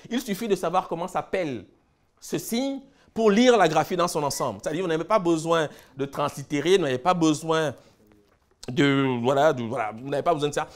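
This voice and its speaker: A man giving a lecture, explaining signs step by step and listing words one after another, often checking in with his listeners. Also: high-pitched. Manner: repeats words while explaining, lists word after word, checks in with "d'accord?". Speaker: lecturer on Egyptian hieroglyphs.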